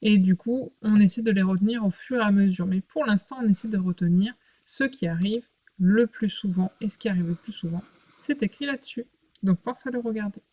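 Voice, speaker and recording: A woman teaching a recorded remote lesson to young children. She talks patiently and clearly in short phrases with pauses. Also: mid-range voice, warm tone. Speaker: primary school teacher.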